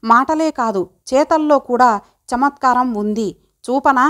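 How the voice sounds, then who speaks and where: Brief: a woman reading a playful young man courting his sweetheart, teasing and flowery, a little high. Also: measured pace, a bit bright. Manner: teasing, flowery romantic talk. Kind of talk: audiobook character reading.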